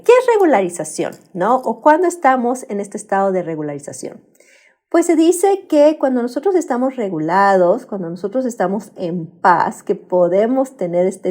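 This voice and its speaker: A woman with a Mexican accent speaks in a radio studio, explaining things patiently to her listeners. Her voice is warm and mellow, and she often pauses to pose rhetorical questions. She keeps a calm, informative tone throughout. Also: medium pitch. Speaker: radio guest speaker on emotional health.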